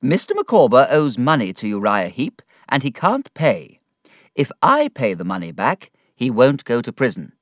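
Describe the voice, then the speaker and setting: A man voicing a brisk, firm older woman in a storybook reading. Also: mid-range voice, huge pitch swings, no echo, studio quality, voice pushed up. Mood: determined.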